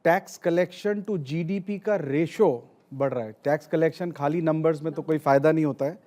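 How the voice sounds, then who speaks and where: A man's voice: on the high side, normal speed, warm tone. A man speaking as a panelist in a news discussion, putting forward his own view in an opinionated, argumentative way.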